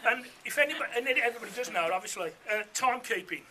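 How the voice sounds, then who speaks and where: Male, middle-aged; piercingly bright, high-pitched voice; jokey, conversational wedding speech. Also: animated, very fast, a little hiss or hum. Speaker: father of the bride giving a speech. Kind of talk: informal wedding speech with comic anecdotes. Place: room full of wedding guests.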